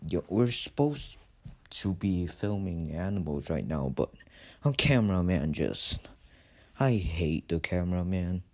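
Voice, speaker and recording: A man with a deep, dark voice narrates a spoof nature documentary. He takes his time, ad-libbing in a deadpan, casual way with a mocking edge. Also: a little slow. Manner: deadpan, casual, sweary mockery. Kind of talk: ad-libbed comic nature documentary commentary.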